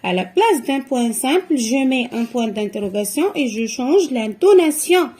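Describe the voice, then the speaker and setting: Woman teacher, high voice, unhurried, patiently explaining grammar to children. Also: expressive, dark tone, a little hiss or hum. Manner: slow, patient explaining with repetitions.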